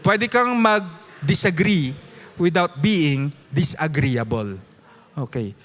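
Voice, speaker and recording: A man with a Filipino accent teaching a Bible study, lively and chuckling, switching between English and Tagalog and prompting the congregation. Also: a little high, slow. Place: church.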